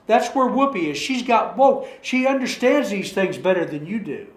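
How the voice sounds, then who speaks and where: A man's voice: sits high, animated, moderate pace. A man leading a church study group in casual, rambling talk, restarting sentences and asking the group rhetorical questions. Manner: rambling, with frequent restarts and repeated words. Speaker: Bible study leader. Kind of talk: informal Bible study talk. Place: church meeting room. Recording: echoey room recording.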